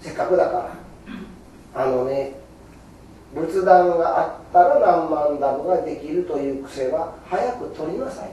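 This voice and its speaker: A man's voice: fairly high pitch, animated, normal speed, mellow, a little hiss or hum. A man with a giving a Buddhist sermon in a folksy, earnest, coaxing way. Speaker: Buddhist preacher. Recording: very echoey hall, mic far off.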